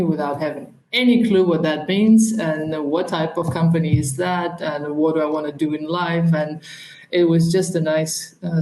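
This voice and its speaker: Low-voiced young woman from southern Russia. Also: mellow, echoey room, rough recording. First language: a minority language of Russia. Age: young adult. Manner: thoughtful, hesitant, with frequent ums and laughs. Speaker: podcast guest. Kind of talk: reflective interview talk.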